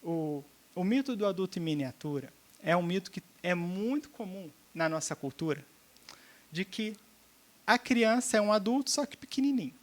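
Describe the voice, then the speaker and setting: A man with a high voice and lively intonation gives a teaching seminar talk to a room of educators at a moderate pace. Speaking with a Brazilian Portuguese accent, he checks in with the audience often and acts out little dialogues.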